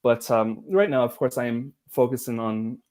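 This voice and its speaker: A man hosting a language-learning livestream, chatting in a relaxed, rambling way and laughing easily. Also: medium pitch, moderate pace. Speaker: livestream host. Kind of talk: casual livestream chat.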